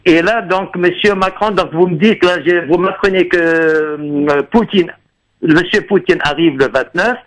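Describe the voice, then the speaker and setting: A man's voice: high-pitched, unhurried, a bit bright. A man calling in to a radio show, giving a long, digressive political commentary in an earnest tone over a phone line. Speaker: radio caller.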